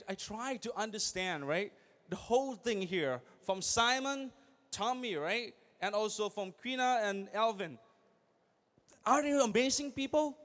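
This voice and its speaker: A young man from Thailand, giving an energetic motivational speech at a large convention and firing questions at the crowd. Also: extremely high pitch. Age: young adult. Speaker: convention speaker.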